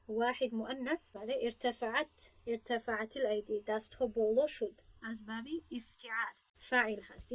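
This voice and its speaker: A woman with a fairly high voice teaching a grammar class in Persian, her first language. She breaks each point down patiently, stopping to quiz her students and praise their answers. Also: low-quality recording. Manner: explains step by step, asks students questions and praises answers. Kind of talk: online grammar lesson.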